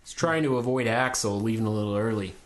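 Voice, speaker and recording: A man's voice: lowish voice, fast talker. Male podcast host, easygoing plot-recap delivery, crude humor. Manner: laid-back plot recap with crude jokes. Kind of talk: casual film review chat.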